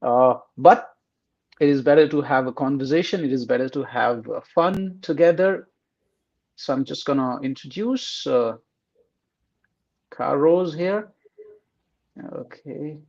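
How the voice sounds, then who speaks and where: Male interview host, rough gravelly tone, chatty with fillers, muffled lo-fi audio. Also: medium pitch, darkish tone. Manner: friendly, rambling intro with many fillers. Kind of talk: casual interview. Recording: slightly dull lo-fi sound.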